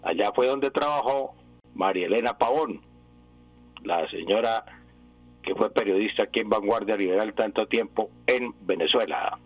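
A man explains word usage to radio listeners. His voice is husky and slightly breathy, and he wanders off into long personal anecdotes. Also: fairly low pitch, normal speed, no room sound, highs cut off. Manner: digressive, anecdotal. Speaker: language expert answering radio listeners.

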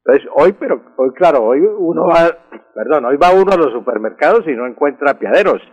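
A man with a husky voice explaining word usage on a radio segment, repeating words for emphasis. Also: on the high side, lively intonation, fairly quick. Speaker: language expert answering listener questions. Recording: dull lo-fi radio recording.

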